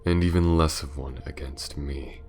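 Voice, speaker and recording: A man voicing a smug, menacing aristocratic vampire lord in an ASMR roleplay, gravelly and breathy, often sinking to a whisper, with a pompous, taunting drawl. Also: extremely low pitch, fairly even intonation, moderate pace, darkish tone, faint music behind.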